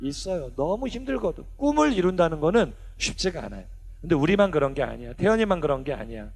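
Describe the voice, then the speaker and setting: Animated gravelly young pastor. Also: male voice, fairly high pitch, fast talker. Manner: animated, asks the kids questions and acts out quotes. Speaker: youth pastor. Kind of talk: lively youth sermon. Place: church youth service hall.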